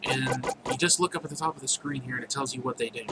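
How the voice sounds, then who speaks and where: A man's voice: mid-range voice, fast talker. A man casually walking through his own game, rambling with jokey asides, over a noisy recording. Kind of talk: casual gameplay commentary.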